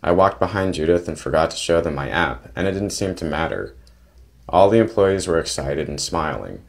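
A young man with a low, deep voice tells his travel story in close, careful detail. He narrates plainly and steadily, sometimes stopping to correct a word. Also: animated, moderate pace, gravelly. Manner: plain, detailed descriptive narration with small restarts. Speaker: vlogger narrating a trip.

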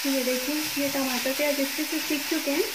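A woman with a high voice explains a recipe step by step in a chatty, instructional way. She talks over a stove in an echoey home kitchen, with clear sizzling and frying sounds behind her. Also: level tone, brisk, heavy background noise. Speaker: cooking channel host. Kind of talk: home cooking tutorial.

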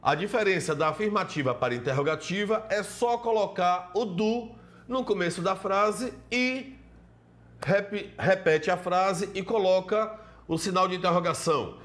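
A man's voice: sits high, unhurried, fairly bright tone. A man teaching an English lesson in Portuguese with a Brazilian accent, explaining step by step and greeting students by name. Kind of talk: televised classroom lesson.

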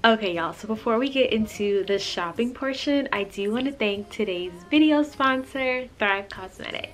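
A woman's voice: fairly high pitch, normal speed. A young woman, vlogging at home and chatting upbeat and casually to the camera, calling her viewers y'all. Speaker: lifestyle vlogger. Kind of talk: casual vlog talk to camera. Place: bright home living room.

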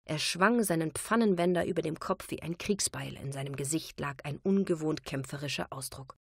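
A woman narrating a novel, her reading calm and measured at a middle pitch. The voice is dry and close, with no room sound around it. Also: creaky, husky, no echo. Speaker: audiobook narrator. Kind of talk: audiobook narration.

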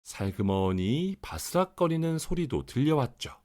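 Narrating a children's story, a man reads slowly and expressively. His pitch moves widely and he articulates very deliberately, over-enunciating his words.

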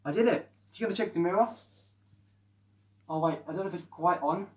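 Excited man talking through a helmet mask. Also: high voice, brisk. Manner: chatty and excitable, with frequent restarts. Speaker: product reviewer. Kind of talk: casual product review vlog.

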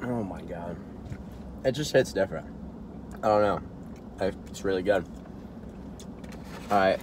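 Low-voiced young man talking with mouth full. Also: takes it slowly, background noise. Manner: laid-back, savoring, enthusiastic about food. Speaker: guest food reviewer. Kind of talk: casual food review chat.

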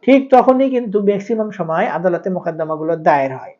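A man from Bangladesh, hosting a channel and explaining land records law in a formal, measured monologue. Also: high-pitched, lively intonation. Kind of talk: informative monologue. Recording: dull lo-fi recording.

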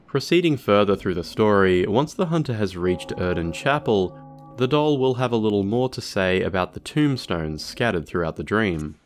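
A man reading scripted explanatory narration for a video in a measured, formal manner. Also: on the low side, lively intonation, soft background music.

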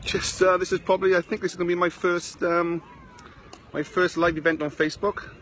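An online marketing vlogger with a thick South Wales valleys accent chats briskly on a casual Facebook live from a sunny beach, holding his phone at arm's length. His voice is a little high for a man and fairly flat in pitch; he rambles and greets viewers by name, with faint outdoor noise behind.

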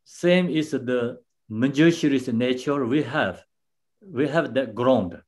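A man giving a dharma teaching as a Buddhist teacher, explaining patiently in simple, non-native English phrasing, with many pauses and restarts. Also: medium pitch, a little mellow.

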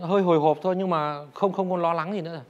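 A man's voice: high-pitched, steady tone, very fast, dull audio, natural voice. A middle-aged man playing a nervous, grumbling heavenly official in a satirical stage comedy, stammering and hesitant. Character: nervous, grumbling Kitchen God official of economy. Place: large indoor theatre stage. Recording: noisy theatre with loud audience reaction.

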